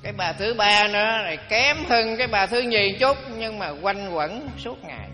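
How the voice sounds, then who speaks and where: A man's voice: high voice, moderate pace, sharp tone. An older male Buddhist monk, giving a dharma talk in a folksy, humorous storytelling way. His voice rings with long hall reverb and faint music behind.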